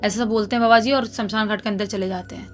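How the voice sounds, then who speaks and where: A woman's voice: medium pitch, fairly even intonation, quick pace, faint music behind. A woman narrating a horror story in a dramatic, conversational way. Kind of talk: casual spoken storytelling.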